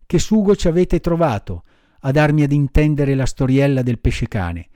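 A man's voice: medium pitch, lively intonation, moderate pace, dark tone, no room sound, studio quality, lightly acted. A man voicing a cheeky young wooden puppet boy in a storybook reading, mocking and sure of himself.

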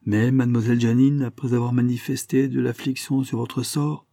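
A man reading aloud, voicing an earnest, dutiful male police inspector in a formal, measured way. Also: mid-range voice, little pitch movement, vocal fry, warm tone, no echo, studio quality, lightly acted.

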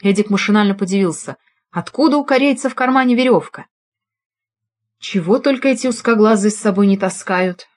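Woman reading a crime audiobook, steady and expressive. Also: mid-range voice, brisk. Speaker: audiobook narrator. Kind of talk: scripted narration.

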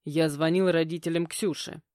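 A woman voicing a gruff stern stepfather. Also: deep voice, fairly even intonation, normal speed, warm tone, no echo, clean studio sound, close to an everyday voice. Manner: grumbling, curt, commanding. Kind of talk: audiobook character voicing.

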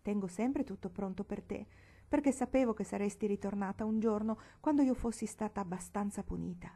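A woman's voice: medium pitch, fairly quick, mellow, lightly acted. A woman reading an audiobook, voicing an unhinged, grieving older noblewoman who pleads with feverish tenderness. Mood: tender.

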